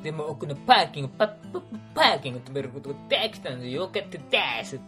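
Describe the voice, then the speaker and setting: Playful storyteller with lively pitch. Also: very fast, faint music behind. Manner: playful, punning, adds sound effects. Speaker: tour organizer recounting a trip. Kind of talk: casual spoken trip recap.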